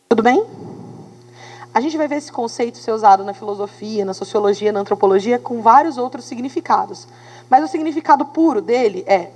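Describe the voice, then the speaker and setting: A Brazilian woman lectures a class of students, animated and engaging, constantly checking whether they follow. Her voice sits fairly high. The sound rings with a long hall reverb. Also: slightly rough. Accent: Brazilian Portuguese. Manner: animated, talks to students with tag questions. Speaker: teacher.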